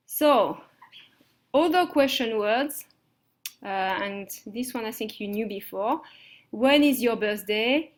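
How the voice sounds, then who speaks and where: A woman teaching a language lesson from slides, explaining step by step and checking understanding with "okay?". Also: on the high side. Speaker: French teacher.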